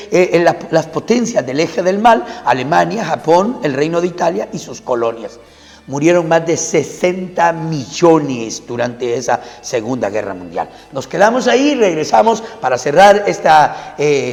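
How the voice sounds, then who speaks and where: Male pastor, sermon, lecturing, rhetorical questions, slightly high voice, long hall reverb. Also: a little mellow.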